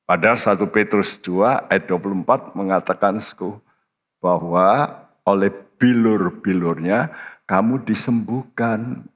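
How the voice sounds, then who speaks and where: A man preaching a sermon as pastor, slow and emphatic, with sudden high-pitched stresses on key words. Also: husky, muffled recording. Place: church. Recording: church hall reverb.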